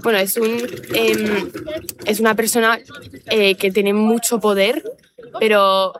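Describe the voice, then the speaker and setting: A woman's voice: mid-range voice, level tone, takes it slowly, background noise. Young French woman, hesitant street interview. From France. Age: young adult. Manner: hesitant, uses many fillers. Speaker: student interviewee. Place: outdoors by a library.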